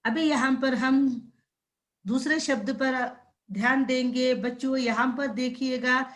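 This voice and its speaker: A woman teaching a primary school class, sounding out words syllable by syllable and repeatedly checking with the children. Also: high-pitched. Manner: drawn-out syllable-by-syllable pronunciation drills. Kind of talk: slow classroom lesson addressing children.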